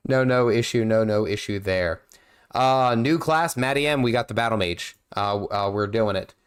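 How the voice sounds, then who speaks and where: His voice is fairly low and clean, at a moderate pace, though nasal since he isn't feeling well. While playing on his gaming livestream, he rambles in a casual way, restarting sentences and using lots of fillers.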